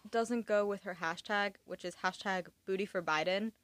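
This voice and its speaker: A woman's voice: medium pitch, normal speed, a bit bright, dry recording. A young woman from California in her twenties hosting a casual chat, with chatty, dryly sarcastic asides.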